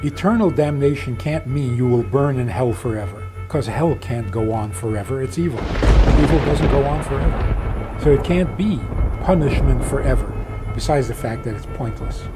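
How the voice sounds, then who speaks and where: A man giving a measured, reflective spiritual talk, musing aloud with soft asides. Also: medium pitch. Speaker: lecturer in a played clip. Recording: faint music behind.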